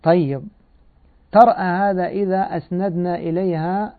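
A man gives a patient Quran and grammar lesson. He asks questions and answers them himself. His voice sits a little high and comes through a thin, phone-like recording. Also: fairly even intonation, normal speed. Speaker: Quran teacher. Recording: tinny phone-like sound.

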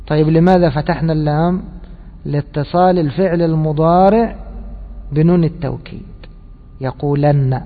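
A man teaching a classroom lesson on grammar and scripture, quizzing his listeners with prompting questions and slowly drawing out key words. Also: fairly high pitch. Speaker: teacher of Quranic exegesis and grammar. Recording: tinny phone-like audio with long hall reverb.

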